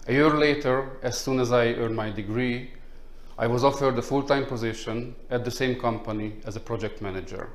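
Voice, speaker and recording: A man from Hungary introduces himself politely and in a measured way, his mid-pitched voice carrying a roomy echo. He reads it as a campaign statement. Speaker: council candidate. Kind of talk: read self-introduction.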